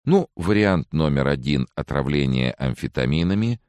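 A man's voice: rumbling low, lively intonation, moderate pace, a little mellow, clean tone, no echo. A man voicing a tired male doctor who speaks in a dry, matter-of-fact, slightly mocking way, as an audiobook character voice.

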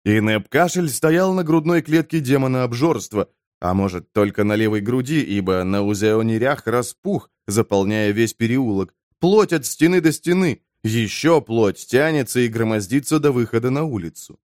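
A man narrating a fantasy audiobook in an expressive storytelling voice. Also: on the low side, normal speed, hardly any pauses, no echo, studio quality.

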